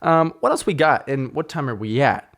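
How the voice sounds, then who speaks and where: A man's voice: on the high side, big pitch swings, normal speed, fairly bright tone. A man hosting his own podcast, chatting casually into a podcast microphone indoors, rambling and swearing cheerfully. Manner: rambling, profane, upbeat. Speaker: podcast host. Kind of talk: casual solo podcast chat. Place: indoor room.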